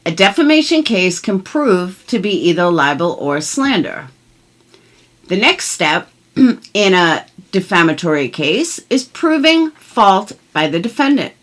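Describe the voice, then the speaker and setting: In a sing-song, medium-pitched voice that's a little slow and a bit bright, a middle-aged woman vlogger chats casually and reads legal documents in a mock-dramatic way. As a commentary vlogger, she's blunt and emphatic, swearing freely.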